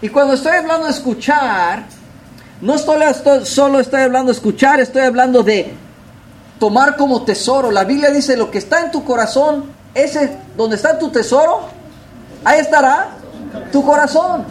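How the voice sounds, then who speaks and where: A man preaching a sermon, asking rhetorical questions and swinging between loud and soft delivery. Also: very high voice, normal speed, a little hiss or hum, poor audio. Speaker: pastor.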